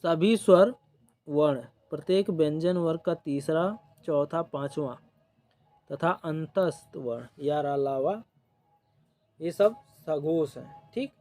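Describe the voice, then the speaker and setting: A man's voice: a little high, slow, dark tone. A man teaching an exam coaching lesson who speaks. He repeats each definition and checks in with short "ok" and "theek" prompts.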